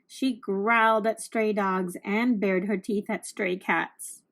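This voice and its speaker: A woman reading a children's storybook aloud, narrating with deliberate, expressive phrasing for young listeners. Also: medium pitch.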